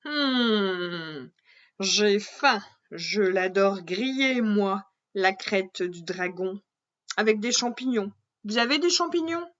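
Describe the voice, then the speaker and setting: A woman voicing a hungry, carefree young princess who loves grilled dragon, squeaky and cheerful. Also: animated, slow pace, a bit bright, highs cut off. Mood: greedy.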